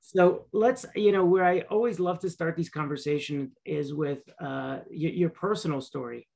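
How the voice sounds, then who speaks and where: A man's voice: a little high, normal speed, creaky, darkish tone, low-quality recording. A young man hosting an interview over a video call from a home library, giving a formal introduction and asking questions, sometimes restarting them. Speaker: host. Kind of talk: interview host.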